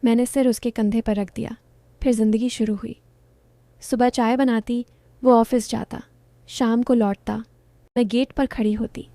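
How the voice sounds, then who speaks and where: A woman narrating a first-person romantic story in short, gentle sentences. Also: fairly high pitch, flat delivery, unhurried, pauses often, no echo.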